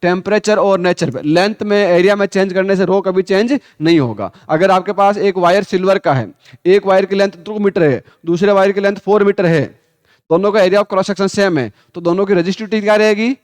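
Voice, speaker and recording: A male physics teacher running a Hindi class lecture, quizzing students with repeated questions, calling them 'beta', and reading textbook lines slowly. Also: sits high, darkish tone, clear, resonant tone, no room sound, clean studio sound. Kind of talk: classroom lecture with call-and-response drills.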